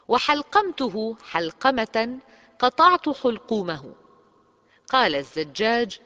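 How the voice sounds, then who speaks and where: A teacher giving a scripted lesson, reading dictionary entries in a measured, precise way. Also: medium pitch, fairly bright tone, muffled recording. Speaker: Arabic language teacher. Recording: long hall reverb.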